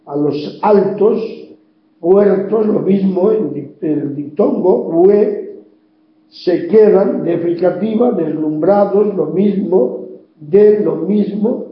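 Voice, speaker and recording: Slow, halting Spanish teacher in echoey room. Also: male voice, sits high. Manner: slow, halting explanation with frequent "¿eh?" checks. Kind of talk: recorded lecture explaining a transcription exercise. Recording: echoey, dull lo-fi room recording.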